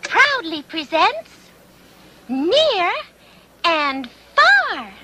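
A woman's voice: very high voice, big pitch swings, extremely slow, very noisy, exaggerated voice. A woman voicing a showy young vaudeville theater announcer in a cartoon, announcing grandly.

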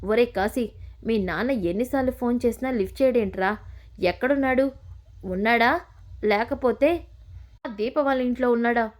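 Woman voicing a sharp-tongued scheming grandmother. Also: fairly high pitch, moderate pace, long pauses, lightly acted. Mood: alarmed. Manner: scolding, demanding questions.

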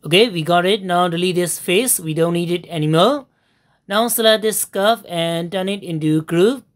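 A woman speaking in a lower register guides listeners through a software program in a screen-recorded tutorial. She goes slowly, step by step, with lots of pauses and filler words like "uh."

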